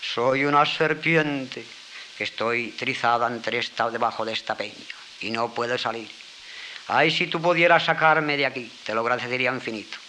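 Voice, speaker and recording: A man voicing a trapped serpent in a folk tale, speaking in slow, drawn-out wails. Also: medium pitch, pushed and bright, a little hiss or hum, natural voice, low-quality recording. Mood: wailing. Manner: drawn-out, wailing delivery. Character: trapped, then menacing serpent.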